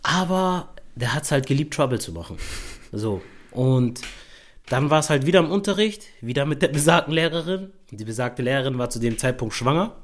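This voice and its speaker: A man's voice: medium pitch, fairly quick. A young man, a podcast host, telling an anecdote in a casual chat, using slang and filler tags. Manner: animated storyteller with youthful slang and many filler tags.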